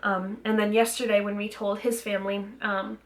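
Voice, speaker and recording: A woman's voice: medium pitch, flat delivery, moderate pace. Chatty, rambling young woman vlogger. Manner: chatty, rambling, with frequent ums, self-restarts and little laughs. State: a little out of breath. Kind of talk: casual vlog chat.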